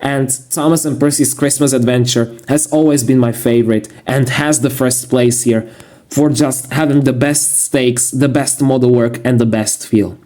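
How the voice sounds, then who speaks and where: A man narrating a casual video review in a monotone, matter-of-fact way. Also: mid-range voice, normal speed. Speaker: YouTube reviewer.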